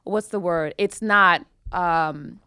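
A woman talks casually on a podcast panel in a slightly low voice. She is halting and emphatic, repeating words while she works out her point, in a very dry recording. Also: pushed and bright, clear, resonant tone, dry recording. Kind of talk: casual discussion.

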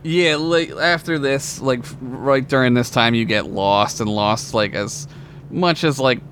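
A man co-hosting a casual fan discussion, speaking enthusiastically with halting phrasing and swearing. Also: mid-range voice, a bit bright. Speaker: podcast co-host. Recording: clearly audible background noise.

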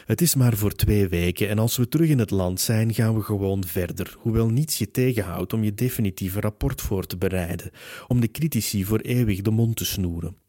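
A man reading a gentle Victorian medium woman. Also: lowish voice, a little fast, no echo, studio quality, natural voice. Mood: soothing. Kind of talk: audiobook character reading.

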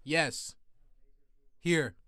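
A man's voice: fairly high pitch, drawn-out words, bright, forceful tone, dry recording, clean studio sound, heavily acted. A man voicing a robotic police car that speaks in cold, clipped commands. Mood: commanding.

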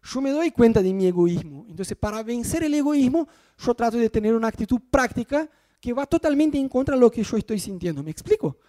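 A middle-aged man with a Rioplatense Spanish accent, preaching a sermon full of personal stories, animated and joking, often checking whether the congregation follows. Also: extremely high pitch, a little fast. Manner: animated, jokey, asks the congregation if they follow. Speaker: pastor.

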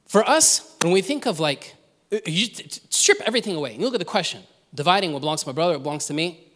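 Man, pastor, sermon, high lively voice, acts out quotes, stumbling restarts, long hall echo. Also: quick pace. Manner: animated storytelling, acts out quotes, many restarts.

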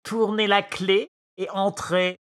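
A reader voicing a small, wise male cricket with a thin, quiet, reproachful voice. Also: mid-range voice, sing-song, slow pace, dry recording, clean studio sound, voice pushed up, exaggerated voice.

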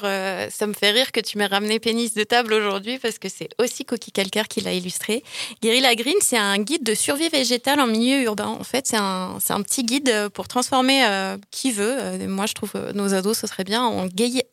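A woman's voice: medium pitch, fairly bright tone, dry recording. A woman co-hosting a comics podcast, friendly and hesitant, with many fillers. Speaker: podcast co-host. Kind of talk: casual chat.

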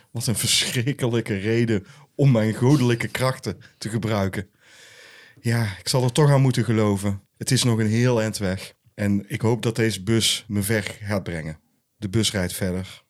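A man co-hosting a podcast, narrating an improvised story in short, scene-by-scene sentences. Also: on the low side. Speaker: podcast co-host.

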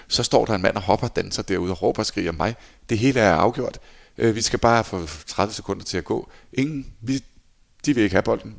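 A man in his forties, a former handball goalkeeper, telling lively anecdotes in a casual interview and acting out quoted lines. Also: deep voice, creaky. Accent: Danish. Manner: animated anecdotes, acts out shouted quotes.

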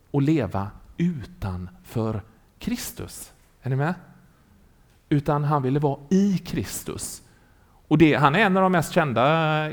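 A man preaching a sermon, telling a story with animated delivery and often asking the congregation if they are following. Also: on the high side.

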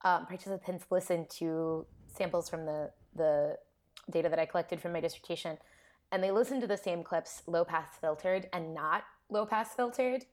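An academic researcher, interviewed as a guest, explains her field in a casual, conversational discussion, often saying "like" and checking with "right?". Her voice is on the low side and she speaks at a normal speed.

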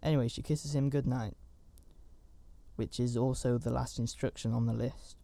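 A man's voice: medium pitch, fairly even intonation, moderate pace, gravelly, warm tone, no echo. A man giving a casual, rambling recap of a horror movie, with chatty asides and fillers. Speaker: film reviewer.

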